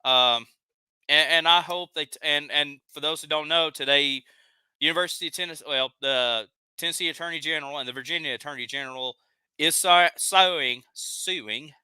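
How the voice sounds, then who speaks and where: A man's voice: on the high side, brisk, pushed and bright, smooth, no room sound. A man with a Southern accent hosting a live stream, ranting heatedly and reading chat comments aloud. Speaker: live show host.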